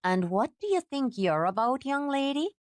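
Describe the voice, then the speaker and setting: In a storybook reading, a woman voices a bossy older housekeeper who scolds briskly yet with fierce fondness, her lively voice jumping high whenever she gets worked up. The recording is dry and close.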